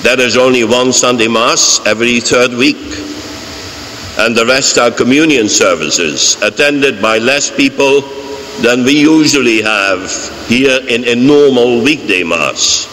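An older man with a Dutch accent, a priest giving a homily from the pulpit of a large church, slow, deliberate and emphatic. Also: mid-range voice, bright, forceful tone. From Netherlands. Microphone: fixed mic on pulpit. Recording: church reverb, faint hiss.

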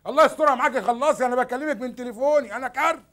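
Flustered Egyptian man talking fast. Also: very high voice, fairly bright tone. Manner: flustered, insistent, exasperated. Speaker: prank victim. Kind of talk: hidden camera prank.

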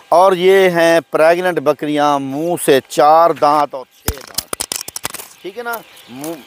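Outdoors on his farm by open fields, a middle-aged Pakistani goat farmer shows off his goats to a handheld phone camera in a casual sales vlog. His friendly salesman patter keeps returning to "my brother."

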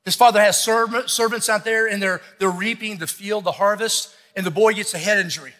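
Male pastor, sermon delivery, emphatic and bright-edged, amplified with long hall reverb. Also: high voice, fairly even intonation, fairly quick. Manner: emphatic, exhorting, repeats phrases for effect. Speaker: pastor preaching. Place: large church stage, indoors.

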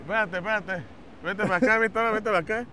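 A Mexican man co-hosting outdoors at a beach, teasing his friend in excitable, slang-heavy casual chat. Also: sits high, quick pace, slight background noise. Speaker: co-host.

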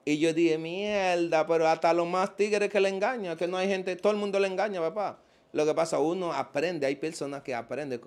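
A man's voice: fairly high pitch, brisk. A Dominican man talks as a guest in a casual interview. He tells his stories with a lot of life and acts out the voices of the people in them. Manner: animated storyteller, acts out quoted voices.

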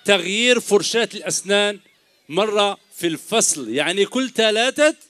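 This entertainer, a middle-aged man with an Algerian Arabic accent, speaks at a moderate pace in a high, expressive, fairly bright voice with no echo. He hosts a children's show outdoors before a big crowd, teasing kids with quizzes into a handheld mic and jokingly addressing them as "my dears."

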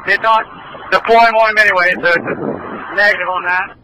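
A man's voice: sits high, steady tone, fairly quick, sharp tone, low-quality recording. A police officer talking bluntly over a police radio from his car. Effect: heard over a police radio from a car. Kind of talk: radio exchange during a pursuit. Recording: car radio with faint noise.

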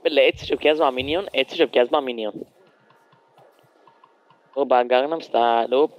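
A young man with a Cypriot Greek accent, trash-talking excitably while gaming with friends. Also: medium pitch, dry recording, highs cut off. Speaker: gamer. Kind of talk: casual gaming chat.

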